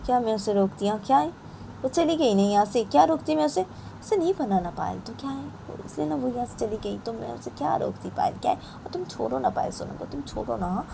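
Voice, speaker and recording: A woman voicing a gentle partner who coaxes and calms the others in the family. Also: a little high, fairly quick, vocal fry, background noise, pitched above the performer's own voice. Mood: coaxing. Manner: coaxing, soothing. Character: soft-spoken gentle partner, placating.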